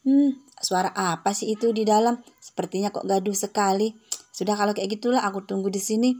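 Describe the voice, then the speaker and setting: A drowsy adult mutters and grumbles, half asleep, as a woman puts the role on for a game role-play. The voice is quieter and a bit lower than the others, trailing off sleepily. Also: brisk, natural voice. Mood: sleepy.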